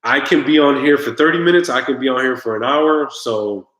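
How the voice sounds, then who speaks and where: A man's voice: medium pitch, fairly quick, a bit bright. Laid-back man live-streaming, echoey room. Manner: laid-back, talks straight to viewers, groans at the drink. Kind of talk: casual live-stream chat.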